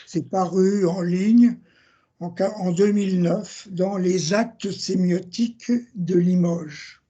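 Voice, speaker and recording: Slow, husky older male lecturer. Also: sits high, steady tone, dark tone, highs cut off. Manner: measured reading, citing sources and page numbers, correcting himself. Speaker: seminar lecturer. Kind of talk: academic seminar lecture read from notes.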